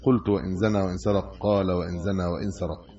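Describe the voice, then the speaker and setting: In a dull, lo-fi recording of a religious lesson, a middle-aged sheikh with an Egyptian Arabic accent reads hadith aloud and follows with colloquial explanations. He speaks fast in a low-pitched, dark voice with fairly even intonation.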